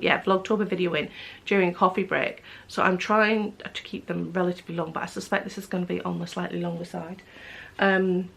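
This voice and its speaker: A woman's voice: mid-range voice, gravelly, a bit bright. A woman vlogger chatting casually to camera, rambling with many fillers and restarts. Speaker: knitting vlogger.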